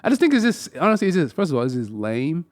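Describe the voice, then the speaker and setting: A man's voice: fairly high pitch, fast. A man hosting a podcast, talking casually and with energy, often repeating words to drive a point home. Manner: animated, repeats words when making a point. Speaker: podcast host. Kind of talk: casual chat.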